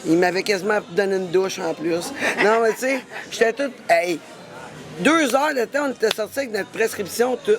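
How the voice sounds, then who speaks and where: A woman's voice: medium pitch, moderate pace. A woman with a Québécois accent, telling a story in a casual street interview with lots of exclamations. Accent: Québécois French. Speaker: interviewee, traveler. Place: outdoors in a busy street. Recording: loud crowd noise behind.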